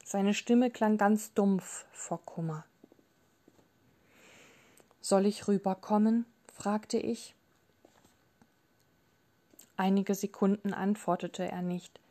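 A woman reading a novel aloud in calm, measured scripted narration. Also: medium pitch. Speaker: audiobook narrator.

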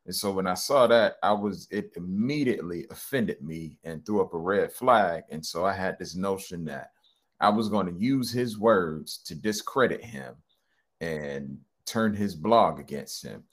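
A middle-aged man, a hypnotherapist guest in an interview, speaks in a low voice with lively intonation and an unhurried pace. He talks casually and rambles, full of ums and restarts.

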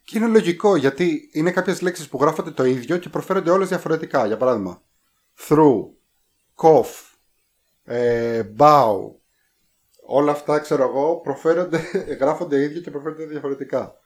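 A man's voice: on the high side, few pauses, a little mellow. Rambling man chatting about films. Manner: rambling, drops in many hesitations. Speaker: podcast co-host. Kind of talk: casual film review chat.

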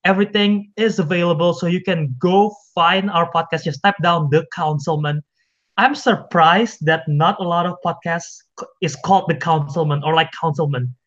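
A man's voice: on the high side, normal speed, a bit bright, lo-fi sound. A young man hosting a casual movie podcast, chatty and often laughing. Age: young adult. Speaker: podcast host. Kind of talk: casual chat.

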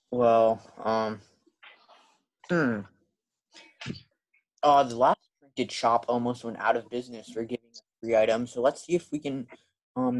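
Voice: mid-range voice, darkish tone, low-quality recording. A player in a tabletop role-playing game chatting casually in a joking, wisecracking way. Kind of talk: casual chat.

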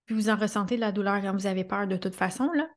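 A woman's voice: medium pitch, fast talker. A woman with a Québécois accent hosting a motivational podcast, talking earnestly and emphatically, repeating phrases, checking in with her listeners and laughing often. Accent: Québécois French. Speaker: podcast host and coach.

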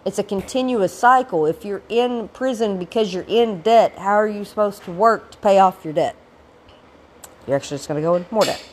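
A woman teacher, gravelly from getting over a cold, delivers a recorded, informal history lecture in a mid-range voice at a fairly quick pace. She includes explanatory asides, and there's a little hiss or hum.

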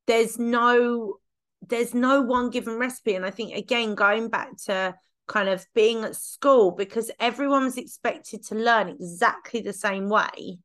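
A woman's voice: fairly high pitch, fairly even intonation, measured pace, a bit bright. A woman hosting a podcast and chatting casually as a dog trainer, self-deprecating and laughing often. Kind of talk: casual conversational chat.

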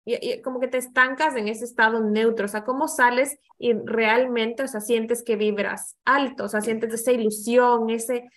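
Talkative woman interviewer, slightly high voice, loose casual phrasing. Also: steady tone, moderate pace, few pauses, a bit bright. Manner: chatty, rambling with many "o sea" and "como que". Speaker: podcast host.

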